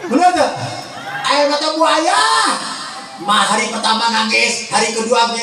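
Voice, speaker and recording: A man preaching a sermon, shouting, teasing the crowd and calling on them to answer back. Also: very high voice, measured pace, gravelly. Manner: teasing, joking with the audience. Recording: echoey hall, mic from far off.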